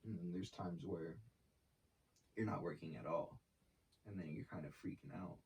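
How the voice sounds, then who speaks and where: A man's voice: low-pitched, moderate pace, darkish tone. Laid-back, slangy young man, off the mic. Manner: laid-back slangy talk, swearing, filler-heavy. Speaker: artist and brand founder. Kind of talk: casual interview talk. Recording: voice from a distance off the mic.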